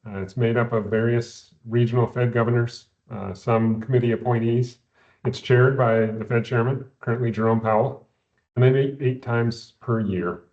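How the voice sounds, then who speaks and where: A man, an investment adviser, explaining economics in a measured way, often repeating words at the start of phrases, heard over a video call. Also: medium pitch, fairly even intonation, a little mellow, dull audio. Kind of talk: explaining economics in a recorded company Q&A.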